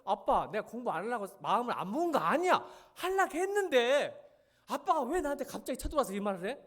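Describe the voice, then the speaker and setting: A man's voice: very high voice, very animated, fast, fairly bright tone, voice pushed up, exaggerated voice. A man voicing a frustrated teenage child who talks back to his father in a whiny, indignant way.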